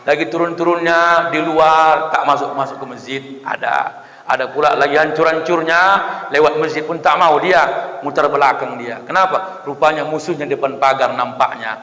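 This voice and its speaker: A man's voice: on the high side, moderate pace. A man preaching a humorous sermon, acting out villagers' voices and joking with the congregation. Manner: lively, acts out voices of villagers, jokes with the audience. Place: mosque hall. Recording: echoey hall with long reverb.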